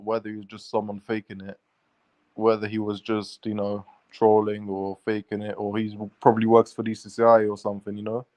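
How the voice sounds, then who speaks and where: A vlogger tells his viewers about a run-in, rambling casually in restless run-on sentences and swearing freely. His voice is on the low side with a darkish tone, and there's no room sound.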